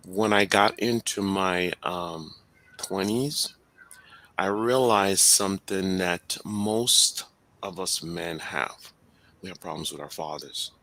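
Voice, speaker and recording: A man from Jamaica reflecting slowly on his upbringing as an interview guest, with many fillers and restarts. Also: sits low, a bit bright, no echo, rough recording.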